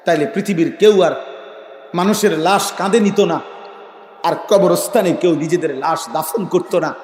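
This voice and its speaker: A man preaches a fiery sermon in a high-pitched voice, chanting Arabic verses between shouted passages. The sound is booming and roomy. A long reverb trails each phrase. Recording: echoey amplified hall with long reverb.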